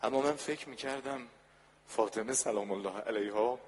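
A man giving a mourning sermon, telling a sorrowful story softly and then swelling into loud lamenting cries. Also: mid-range voice. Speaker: religious eulogist. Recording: long reverb of a hall.

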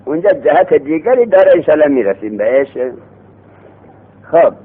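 A man teaching a lesson on grammar who quizzes his students and answers his own questions. He slows down to read the text aloud, then speeds up to explain it. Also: fairly high pitch, sing-song, slightly rough. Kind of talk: Arabic morphology lesson. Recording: tinny phone-like sound.

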